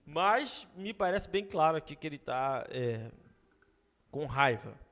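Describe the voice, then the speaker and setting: A Brazilian man with a Brazilian Portuguese accent, teaching a Bible study in a relaxed, conversational way, often adding "né?" to check that his listeners follow. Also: fairly high pitch, slow pace, big-room sound. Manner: conversational, frequent rhetorical "né?" asides. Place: church hall.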